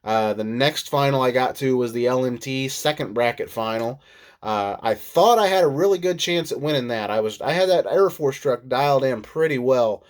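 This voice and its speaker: Male vlogger with a head cold, nasal tone, mid-pitched, chatty and self-deprecating, casual recap. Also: animated, moderate pace. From Illinois. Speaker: RC monster truck vlogger. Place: indoors at home.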